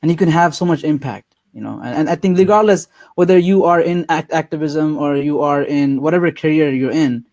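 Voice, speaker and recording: A man hosting an interview conversation. He speaks haltingly, repeating words as he works his way toward a question. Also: fairly high pitch, darkish tone, no room sound. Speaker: host.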